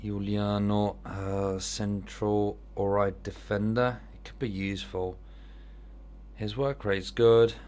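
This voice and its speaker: A man's voice: fairly low pitch, steady tone, slow, a little mellow. A man with an Italian accent giving casual commentary on an online football manager game, thinking aloud as he weighs his choices.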